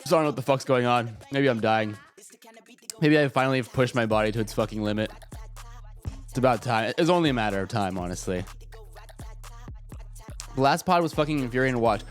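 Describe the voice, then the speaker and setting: Faint music runs in the background as a man chats on his livestream through a desk microphone. His mid-range voice is fairly quick but broken by long pauses, and he sounds a little congested while joking casually and swearing heavily.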